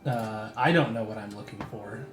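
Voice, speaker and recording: A man's voice: fairly low pitch, moderate pace. A man playing a tabletop game, talking casually as he works out what his character wants. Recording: echoey room, music behind.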